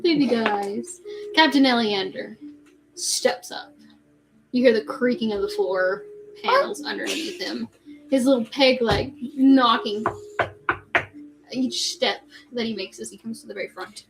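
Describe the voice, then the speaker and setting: A high-voiced woman narrates as game master for her tabletop group, mixing scene narration with chatty, laughing asides. Faint music plays behind her. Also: unhurried, long pauses, rough recording.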